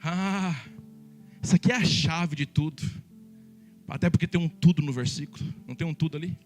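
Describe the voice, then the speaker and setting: A male pastor preaching a sermon, lively and joking, speaking straight to the congregation. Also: a little high, brisk, faint music behind.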